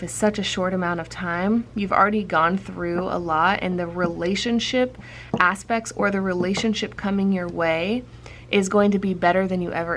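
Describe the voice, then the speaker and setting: Female tarot reader, fortune-teller delivery, mid-pitched, reassuring and off the cuff, with clear background noise.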